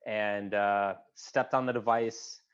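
A man in his thirties tells his story as an interview guest. He speaks in a halting, unpolished way, full of fillers and restarts, and his voice goes quiet at hard moments. The sound is dull and slightly lo-fi. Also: on the low side, steady tone, smooth. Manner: halting, many restarts and fillers, drops to a quiet tone at emotional points. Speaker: guest, combat-wounded veteran.

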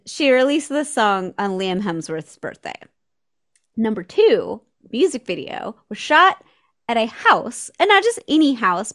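A woman in her thirties, her voice sitting a little high, chats as co-host of a pop-culture podcast. She talks in an animated, gossipy way and swears freely. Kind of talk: casual pop-culture chat.

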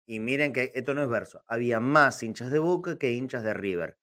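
An Argentine man giving animated, emphatic football talk as a pundit, repeating words to drive his points home. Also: mid-range voice, fairly quick. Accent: Argentine Spanish.

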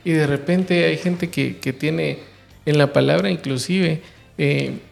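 Male co-host of a faith talk show, rough gravelly voice, talks in lists over soft music. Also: a little high, slow. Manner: explains with lists and asks "¿verdad?".

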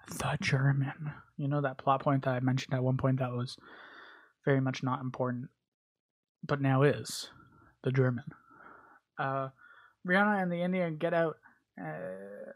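A man's voice: mid-range voice, fairly bright tone. A man hosting a podcast alone, recapping a bad movie in a rambling, crude, joking way with lots of fillers. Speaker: podcast host. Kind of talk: casual solo movie recap.

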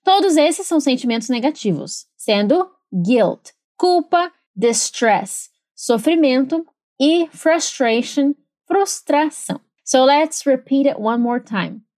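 A woman hosting a bilingual English lesson, reading English lines slowly and clearly and explaining them in quick Portuguese. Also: high-pitched, expressive, a little mellow, no room sound, clean studio sound. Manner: switches between slow careful English and fast Portuguese. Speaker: English teacher and podcast host.

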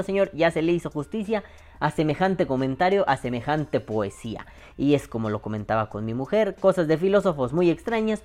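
A man with a Mexican Spanish accent hosting a casual podcast from home, joking and swearing as he reads listener comments. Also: fairly high pitch. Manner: joking, profane, animated. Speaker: podcast host. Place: home room.

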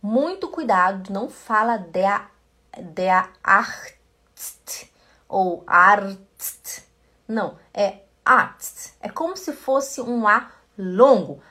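A woman teaching a live-streamed German lesson from home, chatty, greeting viewers by name and slowly repeating words. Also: mid-range voice, animated, a bit bright. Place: at home in front of a computer. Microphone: computer camera mic.

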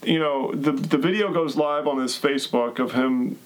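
A man's voice: mid-range voice, moderate pace, low-quality recording. A man hosting a podcast, chatting casually about a movie in a rambling way full of fillers. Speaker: podcast host.

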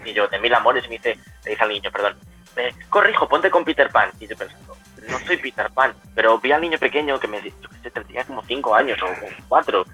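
A young man speaks quickly, chatting away as an interview guest. His voice is bright and forward. He stops and restarts his sentences as he goes, and quiet music plays faintly behind him. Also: medium pitch, husky, low-quality recording. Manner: chatty, many restarts and self-corrections. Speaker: guest cosplayer. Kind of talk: casual storytelling.

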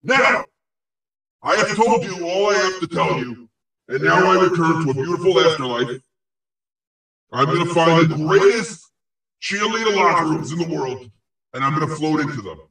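The spiteful, crude male ghost in this comic audio play is voiced by a man whose slightly high tone is expressive, creaky and a bit bright. He issues insults and prophecies grandly and pompously, pausing haltingly, from far away amid heavy echo.

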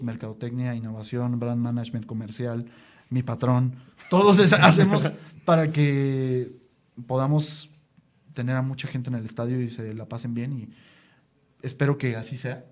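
A man with a Mexican accent, a sports club guest on a casual podcast, joking and animated. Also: medium pitch, moderate pace. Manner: joking, animated, self-mocking.

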